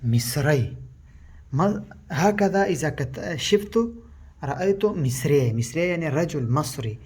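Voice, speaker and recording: A man who speaks Pashto natively, teaching a language lesson in Arabic, explaining slowly, haltingly and with a lot of repetition. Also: on the high side, expressive, a little mellow, husky.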